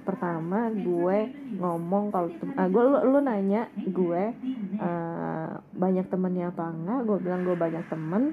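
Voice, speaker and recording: Brief: blunt woman in casual chat, animated storyteller, phone-thin sound. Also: unhurried, crowd noise. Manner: animated, acts out quoted dialogue in a higher voice; blunt, slangy. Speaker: storyteller recounting a breakup. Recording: tinny lo-fi audio with noise.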